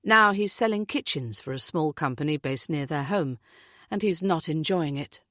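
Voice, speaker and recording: A woman's voice: deep voice, normal speed, no room sound, clean studio sound. Woman reading a thriller audiobook. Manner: even, descriptive reading. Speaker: audiobook narrator. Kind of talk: scripted narration.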